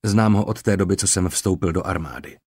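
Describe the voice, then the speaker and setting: A man's voice: deep voice, darkish tone, breathy edge, dry recording, studio quality, voice pushed down. A man voicing a hesitant young Roman officer. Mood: uneasy. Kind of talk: audiobook character reading.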